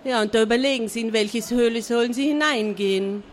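A woman's voice: fairly high pitch, a little fast, a little hiss or hum. Woman reading a children's story aloud. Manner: lively, expressive reading with small slips.

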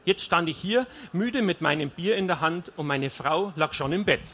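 A man's voice: a little high, animated, normal speed, pushed and bright, slight background noise. A man reading a first-person audiobook in a wry, confessional storytelling manner. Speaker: audiobook narrator.

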